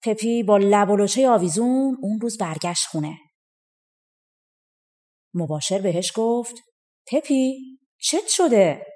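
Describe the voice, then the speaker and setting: A woman reading a folk tale audiobook aloud. She narrates gently and evenly, in an unhurried storytelling way, at an ordinary pitch for a woman. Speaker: audiobook reader.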